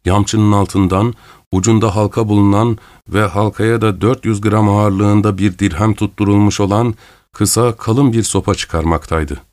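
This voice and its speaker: Low-voiced man narrating an audiobook. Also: no echo. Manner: steady, measured storytelling.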